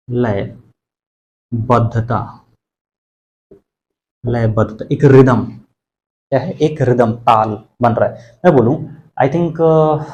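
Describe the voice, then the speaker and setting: This bilingual classroom lesson features a man with a medium-pitched, darkish voice who teaches English pronunciation. He poses questions and has words repeated as drills.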